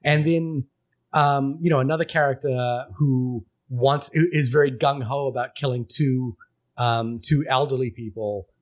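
A man's voice: mid-range voice, steady tone, unhurried. A man from Fiji, a podcast co-host, talking through a film in casual, rambling chat full of restarts and fillers.

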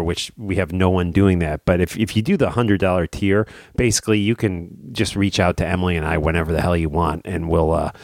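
Man, podcast host, low voice, dry close sound, relaxed rambling chat. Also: dry recording.

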